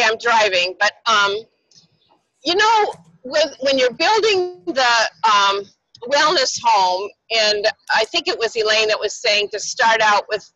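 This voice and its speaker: A woman calls into a conference call on her car's speakerphone, her sound dull and lo-fi. Her voice is bright and a little high, and she asks halting, filler-heavy questions. The line is dry, with no roominess. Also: no room sound. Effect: speakerphone call from a moving car. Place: inside a car while driving.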